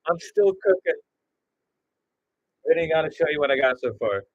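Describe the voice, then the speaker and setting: Man, casual livestream chat, joking and loose, slightly high voice, dull lo-fi sound. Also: expressive, moderate pace, dry recording. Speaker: livestreaming stop-motion creator.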